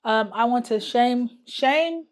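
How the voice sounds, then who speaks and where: A fairly high-pitched woman takes her time as she talks to camera, planning marketing for her travel business. The vlog is casual and thought-out-loud, with lots of restarts and fillers, and she hums while working at the wall.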